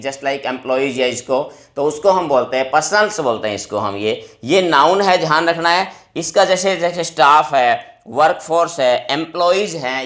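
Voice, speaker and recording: A male teacher explaining vocabulary words to exam students, repeating each word slowly. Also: on the high side, fairly bright tone.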